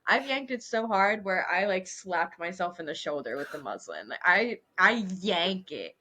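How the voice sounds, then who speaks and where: Bright-toned woman waxer, giggly and candid, in casual podcast chat. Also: fairly low pitch, moderate pace, a little hiss or hum. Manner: giggly, candid, animated storytelling.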